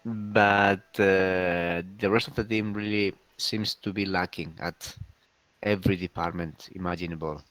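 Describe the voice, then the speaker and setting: A man with a lowish voice hosts a casual game recap, agreeing often and stopping to think with fillers. The sound is dry and close, with no room around it. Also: fairly even intonation, a little slow, a bit bright, no echo. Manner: easygoing, agreeable, hesitant with fillers. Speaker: host.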